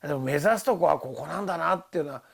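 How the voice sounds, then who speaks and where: A man's voice: a little high, very fast, creaky. An older man, an actor, telling stories from a film shoot in a rambling, casual monologue, often laughing and quoting other people. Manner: rambling storytelling with laughs and quoted voices.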